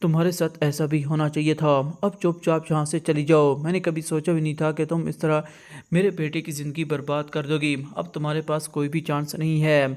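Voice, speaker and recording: A man voicing a stern middle-aged mother in a retold drama, in his own flat voice. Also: on the high side, close to an everyday voice. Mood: scolding.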